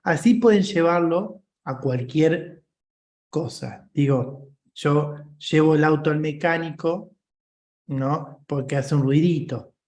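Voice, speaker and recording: A man's voice: on the high side, takes it slowly, a little mellow, roomy sound. A man with a Rioplatense Spanish accent, giving an informal leadership coaching class and checking in often with his listeners.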